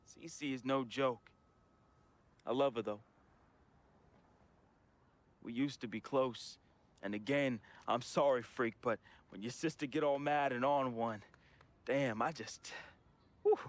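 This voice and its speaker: An actor plays a troubled, grieving young American man reading a farewell letter to his friend in a dramatic confessional voice-over, over music. His mid-range voice goes slowly with frequent pauses, lightly acted, emotional, slangy and heartfelt in an urban American style, with a wistful, fond mood.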